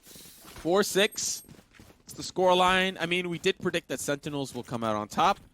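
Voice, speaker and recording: A man's voice: sits high, expressive, normal speed, fairly bright tone, a little hiss or hum. A man giving live esports caster commentary, analyzing the game in a conversational way.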